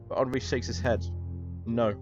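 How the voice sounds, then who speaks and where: A man's voice: medium pitch, unhurried, darkish tone. A man narrating a tabletop role-playing game as its game master. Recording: dull recording with background music.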